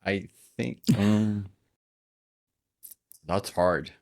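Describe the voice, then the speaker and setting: A man's voice: fairly low pitch, very slow, creaky, a little mellow. A young man from Brazil with a Brazilian Portuguese accent, chatting easily as a guest actor on a podcast and laughing often. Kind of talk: casual interview chat.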